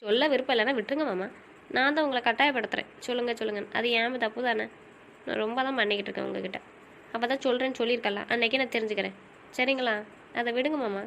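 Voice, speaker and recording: A woman's voice: fairly high pitch, very fast, vocal fry, a bit bright, slight background noise. A woman voicing a stubborn young college student who insists and pleads. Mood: hurt. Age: young adult. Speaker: voice actor. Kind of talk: audio drama acting.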